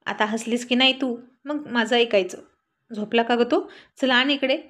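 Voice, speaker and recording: Teasing young husband in a storybook, bit high, sulky jokes, lady reading him out. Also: normal speed, a bit bright, close to an everyday voice.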